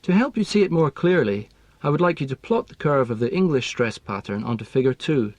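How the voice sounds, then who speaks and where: A man delivers a scripted lesson on speech and intonation at a steady, precise pace, in a mid-range voice. The recording is dry and close, with no room echo. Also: mid-range voice. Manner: measured, precise, explanatory. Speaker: language teaching expert.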